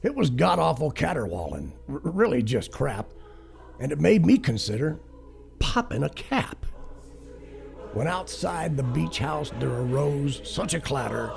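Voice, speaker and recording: A man's voice: medium pitch, sing-song, normal speed, vocal fry, a little mellow. A man reciting a crude, cheeky comic verse parody as narrator, over music.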